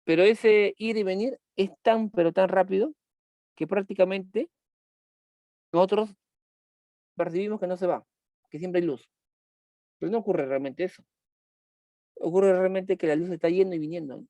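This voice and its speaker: A man's voice: high-pitched, moderate pace, pauses often, dark tone, no echo. A man teaching a chemistry class online, repeating key points and asking students questions as he goes.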